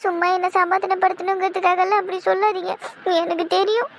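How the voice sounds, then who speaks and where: A woman's voice: very high-pitched, flat delivery, fairly quick, a little hiss or hum. A woman voicing a hurt young woman who pleads that everyone hates her, in an amateur audio drama. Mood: defensive. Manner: plaintive, pleading, self-pitying.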